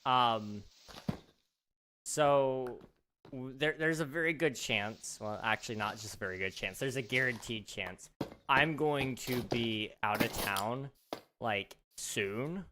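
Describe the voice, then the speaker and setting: Speaking at a slow pace with a medium pitch, this livestream host runs a laid-back gaming stream against a noisy background. His talk is rambling and full of fillers, with a slight strain creeping in as he starts losing it.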